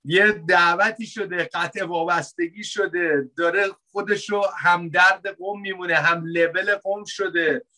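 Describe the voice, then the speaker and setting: Male pastor, fairly high and bright voice, relaxed conversational preaching with rhetorical questions. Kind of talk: sermon.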